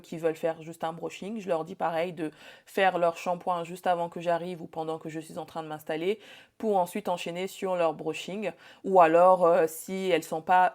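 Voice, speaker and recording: A woman's voice: lowish voice, darkish tone. A young woman, a bridal hair and makeup artist, teaching business in a chatty talk full of fillers and restarts. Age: young adult. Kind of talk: casual spoken training talk.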